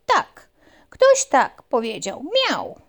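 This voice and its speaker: A woman voicing a small, naive and eager puppy in a children's story, in a high, loud, excited voice. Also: extremely slow, heavily acted.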